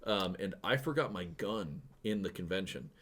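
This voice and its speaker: A man co-hosts a podcast and rambles through a long story, throwing in jokes as he goes. His voice sits a little low. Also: expressive, moderate pace, fairly bright tone. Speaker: podcast co-host. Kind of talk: casual podcast banter.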